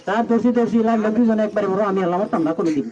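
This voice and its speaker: A man's voice: sits high, rapid-fire, a little mellow, natural voice. A man with a rural Bangladeshi accent playing a cheeky dentist's assistant who chatters and argues in a comic stage play. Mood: complaining. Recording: outdoor stage with noisy crowd.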